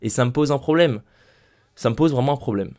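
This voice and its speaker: A man's voice: mid-range voice, fairly quick, darkish tone. A young man talking casually into a desk microphone at home, ranting emphatically and repeating his points. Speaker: wrestling recap youtuber. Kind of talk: casual spoken show recap.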